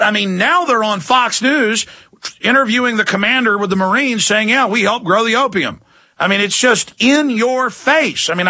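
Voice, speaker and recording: A male talk radio host in full paranoid rant. His raised voice is forceful and raspy, with a gravelly edge, and he hammers his points with alarm in a dry, close studio sound. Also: high voice, no room sound. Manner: paranoid, alarmist, emphatic ranting.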